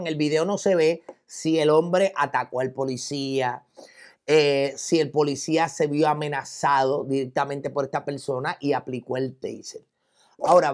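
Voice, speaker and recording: A man with a Puerto Rican accent gives opinion commentary and tells a personal anecdote, acting out the voices of the people in it. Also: high voice. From Puerto Rico. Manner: animated storyteller who acts out quoted voices.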